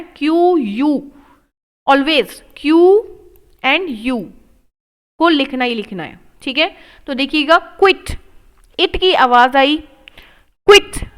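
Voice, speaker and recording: A woman's voice: high voice, a bit bright, poor audio. A woman teaching an English reading lesson, drilling words one at a time and explaining in Hindi mixed with English. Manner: slow word-by-word drilling, mixing Hindi and English.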